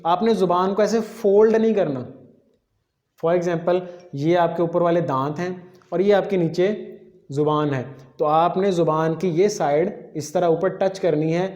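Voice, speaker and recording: A man teaching Quran letter pronunciation, explaining each sound patiently and repeating it slowly for the listener. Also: high-pitched, a little mellow, roomy sound, highs cut off. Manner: demonstrates sounds slowly and repeats them, often checks in with listeners. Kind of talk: patient step-by-step lesson.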